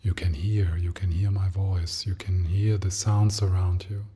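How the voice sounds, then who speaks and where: This meditation teacher's voice sits low and barely moves in pitch as he leads the session. He talks softly and gently, using brief, slow phrases with long silences in between, and his tone is breathy and husky.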